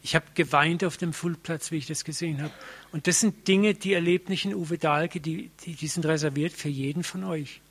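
A male preacher with a somewhat high-pitched voice delivers a sermon. He talks in a casual, lively way, tells stories with everyday slang, and keeps turning straight to his listeners with questions. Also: moderate pace, breathy edge. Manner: colloquial and lively, addressing the congregation directly; vivid storytelling with everyday slang.

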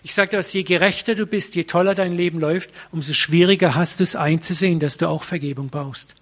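A man preaching a sermon in a colloquial, lively way, telling stories with everyday slang and speaking straight to his congregation. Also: fairly high pitch, quick pace. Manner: vivid storytelling with everyday slang.

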